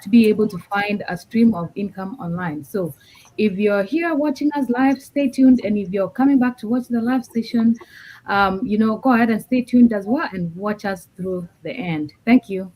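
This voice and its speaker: A woman from Kenya, a nurse and business mentor, speaking in an unhurried way with fillers. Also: mid-range voice, dark tone, low-quality recording. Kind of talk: casual self-introduction.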